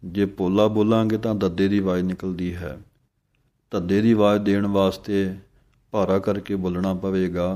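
A man teaching how to pronounce scripture. He recites lines slowly and deliberately, then explains where each pause falls. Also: low-pitched, flat delivery, mellow. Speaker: Gurbani pronunciation teacher. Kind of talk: slow, careful recitation lesson.

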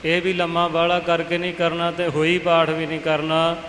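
A man's voice: on the high side, completely flat delivery, moderate pace, fairly bright tone, echoey room, long reverb tail, slight background noise, poor audio. A man giving a pronunciation lesson for scripture recitation, half-singing his explanations and chanting the examples. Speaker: recitation teacher.

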